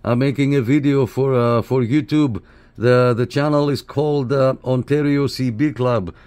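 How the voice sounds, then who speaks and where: This CB radio operator and video maker is friendly and casual on the air, tending to say things more than once, speaking from a radio desk in an indoor room. His voice sits mid-range with fairly even intonation, a normal pace, and a clear, resonant, slightly mellow quality.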